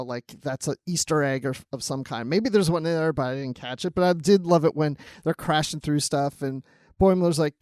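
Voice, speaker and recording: A man co-hosting a podcast in casual review chat, animated, laughing often and acting out quotes. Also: on the high side, clear, resonant tone, no echo, clean studio sound. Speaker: podcast co-host.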